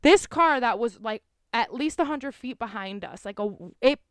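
A woman co-hosting a podcast, telling a story in casual chat, quick and animated with lots of "like"s. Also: on the high side, clear, resonant tone, dry recording, clean studio sound. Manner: animated, fast storytelling with many "like"s and acted-out quotes. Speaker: podcast co-host.

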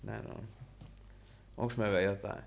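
Young man telling a story, animated. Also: fairly low pitch, gravelly, a little hiss or hum. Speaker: podcast co-host. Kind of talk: casual chat.

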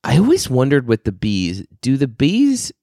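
A man's voice: mid-range voice, wildly swooping pitch, normal speed, gravelly, mellow, no echo, clean studio sound. A man co-hosting a podcast, rambling and laughing through crude, casual stories. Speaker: podcast co-host. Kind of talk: casual chat.

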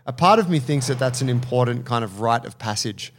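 A man co-hosting a casual podcast, animated and profane, often acting out what people think in their heads. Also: medium pitch, fairly quick, slight background noise. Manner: swearing, animated, acts out inner voices. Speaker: podcast co-host.

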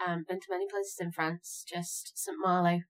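A woman's voice: fairly low pitch, level tone, normal speed. A woman co-hosting a podcast in casual chat, with a blunt, jokey way of talking. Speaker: podcast co-host. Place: small booth, sharing a room with co-host.

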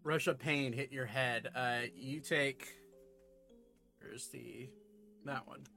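Bright-voiced male game master. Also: mid-range voice, fairly even intonation, slow pace, gravelly, faint music behind. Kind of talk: narrating a tabletop game, casual chat.

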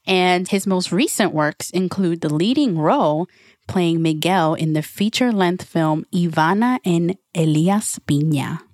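A woman's voice: lowish voice, a little slow, darkish tone, dry recording, studio quality. A woman co-hosting a podcast, upbeat and slangy in a casual chat. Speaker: podcast co-host.

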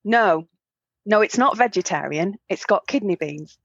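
A woman from the north of England, telling a story in a casual podcast chat and jumping high in pitch when she quotes people. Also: measured pace, slightly rough, dry recording, dull audio. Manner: lively storytelling, jumps high for quoted voices. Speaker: podcast co-host.

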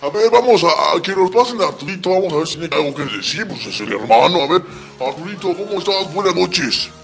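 A man's voice: high-pitched, expressive, a little fast, gravelly, over loud music. A man hosting a comedy radio skit in a joking, playful way. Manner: playful, laughing.

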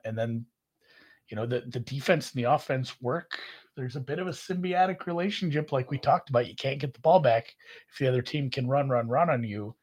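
Man, Minnesotan accent, husky, rambling sports podcast chat, lots of "like". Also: mid-range voice. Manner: rambling, filler-heavy, animated. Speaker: podcast co-host.

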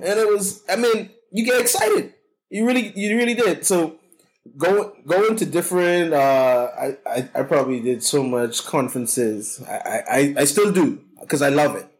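A Bahamian man with a slightly high voice speaks at a moderate pace, a guest in a casual interview sharing his story. He works as a cannabis consultant and comes across boisterous and talkative, often repeating words.

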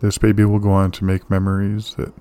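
A man gently delivering a calm bedtime relaxation monologue, soothing and unhurried, with pauses. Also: lowish voice, clear, resonant tone. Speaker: host of a sleep relaxation show.

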